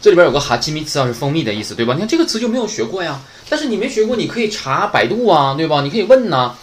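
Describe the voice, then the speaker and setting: A man's voice: a little high, sing-song, rapid-fire, a little hiss or hum. A man teaching beginner Japanese in a casual, chatty online lesson, often asking "right?".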